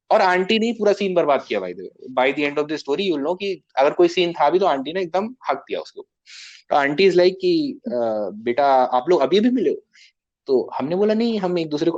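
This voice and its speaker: A man telling a travel anecdote in casual chat as a podcast guest. He talks a little loud and acts out the people in his story. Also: a little high, no echo, muffled recording.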